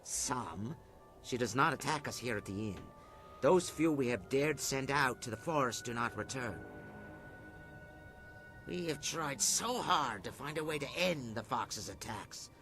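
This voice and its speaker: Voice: medium pitch, animated, unhurried, a bit bright, faint music behind. An actor voicing a wary keeper of a haunted inn in a video game, speaking formally and with suspicion. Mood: guarded.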